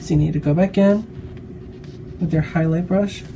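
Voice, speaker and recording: A woman's voice: on the low side, normal speed, dark tone, slight background noise. A woman giving a casual, chatty makeup tutorial while tipsy, rambling drunkenly and swearing freely.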